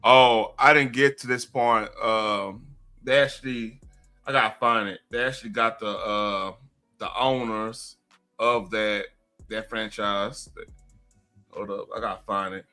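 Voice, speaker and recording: A man co-hosts a casual livestream with a bright, forceful voice. He reads news stories in a halting way, pausing mid-sentence to search for things. He is fighting hiccups throughout. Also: fairly low pitch, steady tone, soft background music. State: has hiccups. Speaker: livestream co-host.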